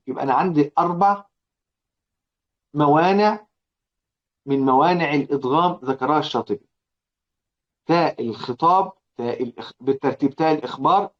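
A man with an Egyptian accent teaching Quran recitation in a classroom lecture. He asks and answers his own questions, repeats key points and chants quoted verses slowly. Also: on the high side, lo-fi sound. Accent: Egyptian Arabic. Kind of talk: classroom lecture explaining a didactic poem.

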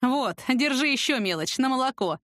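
A man's voice: very high-pitched, animated, normal speed, sharp tone, no echo, clean studio sound, pitched above the performer's own voice, heavily acted. A woman reading a cocky young man who mocks and teases in a lazy drawl, in a storybook voice. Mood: smug. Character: cocky young man, smug teasing charmer.

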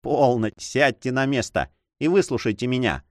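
A man's voice: medium pitch, moderate pace, no room sound, studio quality, close to an everyday voice. A man voicing a confident French adventurer who teases with a smirk in his tone. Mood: mocking. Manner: teasing, self-assured. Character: mocking confident French adventurer, adult male.

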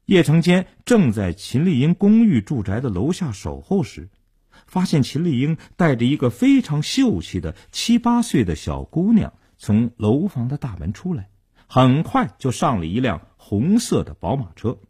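A male storyteller with a low, warm, husky voice who swings his pitch widely for drama. His narration sounds close and dry, with no room echo. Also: huge pitch swings, moderate pace. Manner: dramatic, widely varied delivery.

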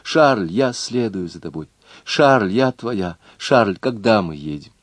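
A man with a low voice reading a novel aloud, voicing a passionate young noblewoman devoted to her lover. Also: animated, slow, no room sound. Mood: fervent. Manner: fervent, tender delivery.

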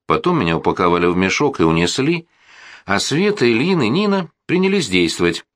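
A man voicing a balding husband who calmly explains a staged death in an audiobook. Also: mid-range voice, brisk, no echo, voice pushed up, natural voice. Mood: explaining.

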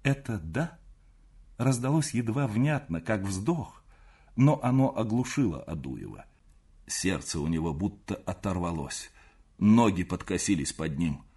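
A man narrating a classic novel as an audiobook, in an expressive, dramatic reading. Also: sits low, unhurried, slightly rough.

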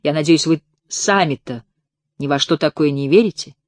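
A nervous, skeptical young man reacts to an eerie story , as a woman reads him in an audiobook. He speaks low and guarded. The sound is dry and close to the mic. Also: moderate pace, dry recording, natural voice.

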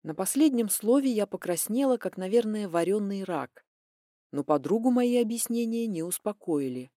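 A woman narrates a first-person audiobook in a mellow, dark-toned voice, telling the story expressively and dramatically. The sound is dry and close to the microphone, with no room echo. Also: medium pitch, lively intonation, normal speed.

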